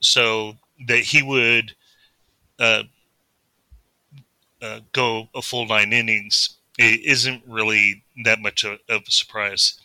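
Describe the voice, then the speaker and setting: A man guesting on a sports podcast speaks in a halting way and fills his pauses with "uh" and "um". His voice is bright and sharp and sits a little low. He talks very slowly, and the recording is dry. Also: flat delivery, smooth, no room sound, rough recording. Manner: halting, hesitant, many filler sounds. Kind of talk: casual sports chat.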